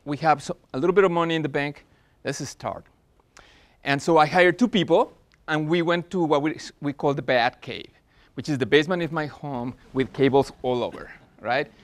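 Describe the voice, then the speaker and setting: His voice is a little high and his speed normal. A forties-aged man with Spanish-accented English, he gives an earnest business workshop presentation peppered with fillers and restarts.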